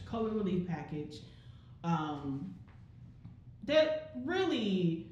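A woman's voice: lowish voice, warm tone, very echoey, dull audio. A woman co-hosting a casual podcast, talking bluntly and heatedly and swearing freely. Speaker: podcast co-host.

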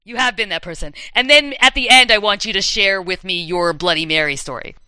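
A woman's voice: mid-range voice, a little fast, pushed and bright, smooth, no room sound, rough recording. A woman hosting a chat, telling campfire horror stories in a dramatic, playful way. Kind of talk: storytelling in casual chat.

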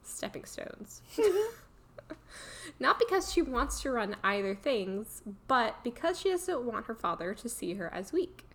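A woman's voice: fairly high pitch, big pitch swings, normal speed, few pauses, a bit bright. Giggly woman summarizing a book. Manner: giggly, self-mocking, summarizing chapters. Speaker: podcast co-host. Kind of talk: casual book podcast recap.

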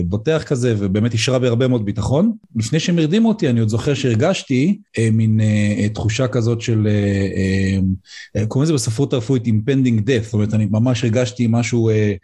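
A middle-aged man, an emergency physician, speaking as a podcast guest and pausing often on "uh" fillers as he talks. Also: lowish voice, mellow. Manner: hesitant, frequent "uh" fillers. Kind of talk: podcast interview, personal account.

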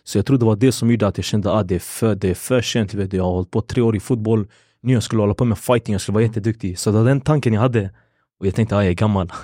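A young man spins stories in a relaxed podcast chat, slipping into the voices of people he quotes. His voice sits low and mellow. The sound is close and dry, with no room around it. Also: no echo. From Sweden. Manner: animated storyteller acting out quoted dialogue, fillers like "du vet". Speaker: MMA fighter, guest. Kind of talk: casual storytelling interview. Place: podcast studio.

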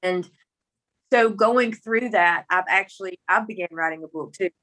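A woman's voice: medium pitch, moderate pace, fairly bright tone, poor audio. A middle-aged woman from rural Mississippi with a Southern country accent, telling her personal story as a guest in a folksy, candid, emphatic way. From Mississippi, rural United States.

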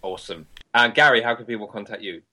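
A man's voice: lowish voice, quick pace, bright, forceful tone. A man hosting a casual podcast, speaking in a slightly lethargic, hesitant way as if his mouth is sore. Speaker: podcast host.

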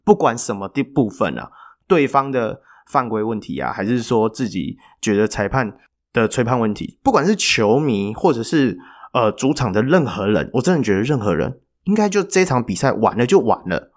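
A man, co-hosting a podcast and telling a story in a chatty, animated way with filler pauses. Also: mid-range voice. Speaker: podcast co-host. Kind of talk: casual storytelling chat.

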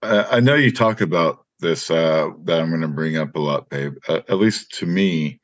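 A man's voice: rumbling low, no echo, lo-fi sound. A man hosting a podcast in casual chat, easygoing and joking. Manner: easygoing, joking, quick to laugh.

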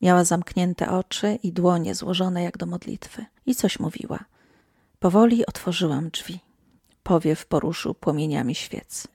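A woman telling a first-person horror story in scripted narration, hushed and sometimes sinking to a whisper. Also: fairly low pitch, a little slow, husky, dry recording, clean studio sound.

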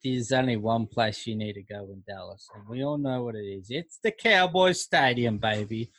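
A man's voice: lowish voice, moderate pace, a bit bright, dry recording, rough recording. A man with an Australian accent co-hosting a podcast, playful and hyped, swearing freely in casual banter. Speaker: podcast co-host.

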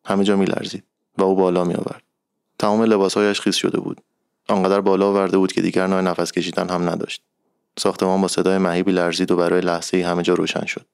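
A man narrating a literary short story in a calm, measured reading voice. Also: sits low, vocal fry, clean tone, no room sound, studio quality.

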